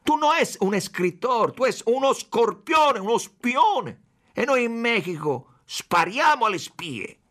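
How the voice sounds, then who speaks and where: A man's voice: a little high, normal speed, hardly any pauses, fairly bright tone, voice pushed up, natural voice. A man voicing a snarling brutish police chief. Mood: raging. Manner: snarling broken speech mixed with Spanish words. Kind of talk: audiobook character voice.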